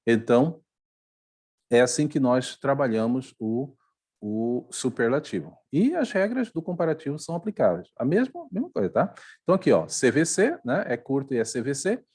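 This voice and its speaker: A man with a Brazilian accent teaching English grammar in Portuguese, saying English examples slowly and often checking with "ok?". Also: medium pitch, big pitch swings, a little mellow, breathy edge. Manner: patient, repeats checks like "ok?" and "tá?", reads examples slowly.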